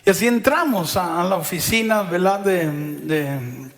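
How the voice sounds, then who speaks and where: A man's voice: sits high, animated, a little slow. A middle-aged man preaching a sermon, telling a story and often checking in with the listeners. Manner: storytelling, often adds "¿verdad?"; acts out what others said in the story.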